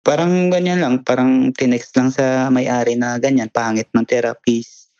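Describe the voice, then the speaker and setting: Polite young Filipino man, flat speech. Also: medium pitch, measured pace, clear, resonant tone, no echo, highs cut off. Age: young adult. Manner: polite and plain, says "sir" and "po", many fillers like "ganyan". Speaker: interview guest, massage therapist. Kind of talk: casual interview.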